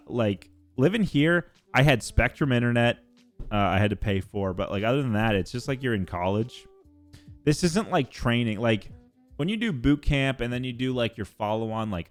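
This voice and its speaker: A young adult man streaming, chatting casually and rambling with lots of fillers and casual swearing. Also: on the low side. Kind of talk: casual chat.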